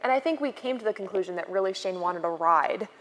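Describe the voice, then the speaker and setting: A woman's voice: mid-range voice, lively intonation, fast talker, fairly bright tone, a little hiss or hum. A woman in her twenties telling a story on a conference stage in a chatty, playful way. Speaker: keynote co-speaker. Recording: long reverb from the hall.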